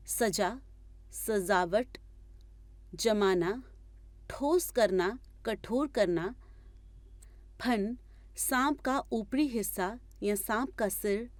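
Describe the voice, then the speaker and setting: Very slow, deliberate woman reading a lesson. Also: mid-range voice, dry recording. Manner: reads word lists one by one, deliberate. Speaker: grammar teacher reading a textbook. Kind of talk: slow textbook read-aloud lesson.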